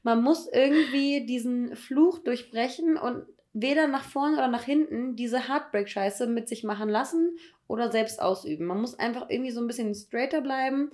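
A woman's voice: fairly high pitch, a little mellow. Blunt, slangy young woman. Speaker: podcast co-host. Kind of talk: casual chat.

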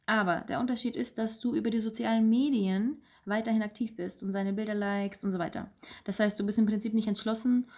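A woman's voice: medium pitch, fairly even intonation, brisk, darkish tone. A young woman co-hosting a podcast, chatting casually and explaining dating terms in plain words. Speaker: podcast co-host. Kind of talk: casual chat.

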